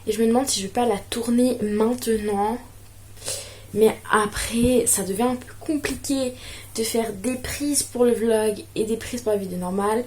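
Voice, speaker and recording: A woman's voice: fairly high pitch, normal speed, warm tone, a little hiss or hum. A young woman from France chatting casually through a home vlog, self-mocking and full of fillers. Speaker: vlogger. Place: home, indoors.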